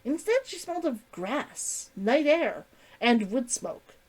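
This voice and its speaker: A woman narrating a novel aloud in an expressive, dramatic storytelling manner. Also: sits high, slow, rough recording. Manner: animated, dramatic reading. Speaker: streamer reading a novel aloud.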